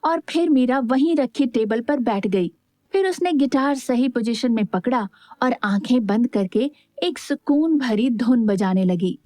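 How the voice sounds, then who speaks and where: A woman narrating a scripted audio story in a calm, even storytelling manner. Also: a little high, measured pace, no echo, studio quality.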